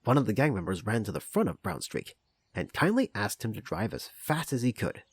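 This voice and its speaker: A man's voice: fairly low pitch, big pitch swings, fairly quick, breathy edge. A man narrating a parody of a children's train story in storybook style, with music behind him.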